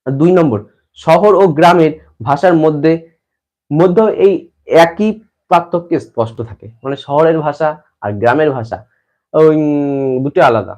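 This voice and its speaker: A man's voice: fairly high pitch, normal speed, long pauses, a little mellow, lo-fi sound. A man from West Bengal teaching an exam-prep lesson to students. He often repeats phrases and restarts as he explains.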